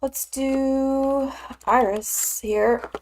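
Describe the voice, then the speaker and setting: A woman's voice: high-pitched, steady tone, very slow, a little mellow, slight background noise. A woman in her twenties from the American South, chatting casually as a streamer while she works, rambling with lots of filler words. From Southern United States. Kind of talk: casual chat while 3D modeling.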